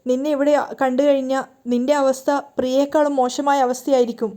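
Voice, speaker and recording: A caring older sister figure urges and worries, read by a woman narrator. The voice sits fairly high and soft, mellow in tone. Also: level tone, brisk, natural voice. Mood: worried.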